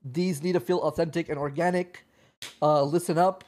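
A man's voice: a little high, fairly even intonation, normal speed, darkish tone. A man streaming and chatting casually with friends, laughing often as he tells stories.

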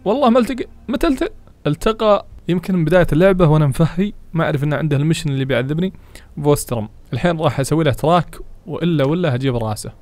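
A man giving excitable let's play commentary, chatting to his viewers and reading game text aloud as he plays. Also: fairly high pitch, racing, dry recording, soft background music. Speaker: gaming channel host.

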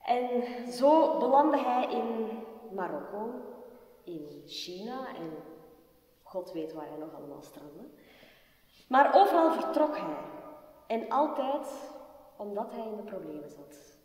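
Slow expressive woman storyteller. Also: mid-range voice. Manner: slow, expressive, drops to near-whisper. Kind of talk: live storytelling performance. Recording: far-off voice in a reverberant hall.

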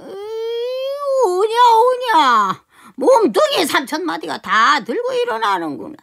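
A woman's voice: high-pitched, gravelly, fairly bright tone, exaggerated voice. A woman voicing a cranky old Taoist sage in a radio comedy, scolding and mocking his servant. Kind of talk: radio comedy sketch acting.

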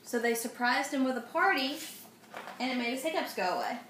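In a home dining room, a young adult woman reads aloud and walks children through a simple craft, regularly asking them questions. Her voice sits high and is expressive, a bit bright, and a little fast, captured on a roomy, noisy phone recording.

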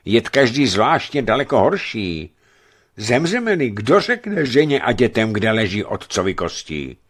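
A man voicing an earnest, quick-tempered companion who speaks emphatically. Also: on the low side, very animated, voice pushed up.

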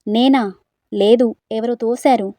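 Quarrelsome young woman, raised accusing voice, voiced by a female narrator, warm and dry. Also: a little high, steady tone, slow pace, dry recording.

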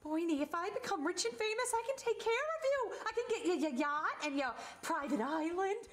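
Man as a very squeaky, gushing wife. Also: sing-song, a little fast, a bit bright, heavily acted. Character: sweet, excitable, needy wife, a grown woman.

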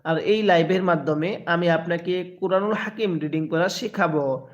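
A man leads a Quran recitation lesson in a voice that sits high, stretching each phrase out slowly so listeners can repeat it back. Between those drawn-out lines he explains things in quick bursts. The recording is muffled and lo-fi.

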